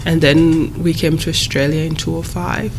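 A woman in her thirties who grew up in East Africa, a guest answering interview questions in a measured, careful way with frequent pauses and restarts. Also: deep voice, flat delivery, vocal fry, noisy background. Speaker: guest, human rights advocate.

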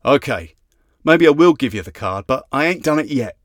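A man voicing a surly, dismissive young man with a gruff London accent, in a dry, close audiobook recording. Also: medium pitch, expressive, normal speed, no echo, voice pushed up, lightly acted. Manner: curt, dismissive.

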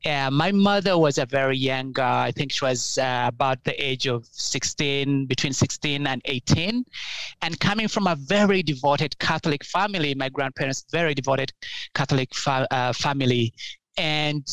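A young man with a Ugandan accent, telling his life story as an interview guest in an earnest, halting way with many fillers and restarts. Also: mid-range voice, a bit bright, dry recording, rough recording.

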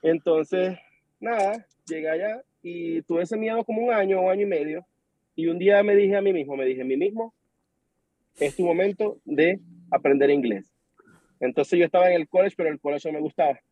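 A young Venezuelan man with a Venezuelan accent, chatting as a podcast guest and telling an animated story while acting out the dialogue. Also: high voice, moderate pace, no room sound. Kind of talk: casual chat. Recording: dull lo-fi sound.

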